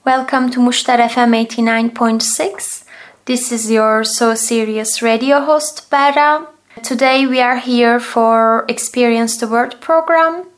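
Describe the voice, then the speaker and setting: A woman's voice: fairly high pitch, fairly even intonation, measured pace. A woman working as a radio host, introducing the show and putting questions to a guest. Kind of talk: radio interview hosting.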